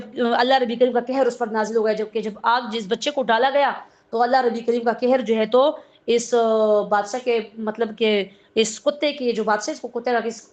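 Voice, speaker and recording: A woman teaching a religious lesson on a surah, telling its story and explaining terms as she goes. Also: on the high side. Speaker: Quran teacher. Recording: dull lo-fi recording.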